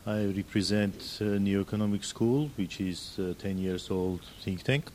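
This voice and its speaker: A man introduces himself at a workshop in a measured, slightly halting way. His voice is low and mellow, with a faint rumble behind it. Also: steady tone. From Georgia. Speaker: think tank representative.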